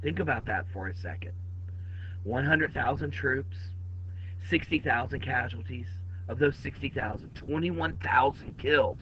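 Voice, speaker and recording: A man's voice: mid-range voice, a little slow, pushed and bright, highs cut off, slight background noise. A man teaching a history lesson in a conversational lecture style, speaking straight to his students. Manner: conversational, addresses students directly. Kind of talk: classroom lecture.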